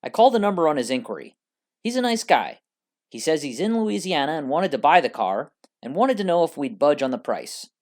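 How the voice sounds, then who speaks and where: A narrator reading a scripted first-person story with an expressive delivery. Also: medium pitch, brisk.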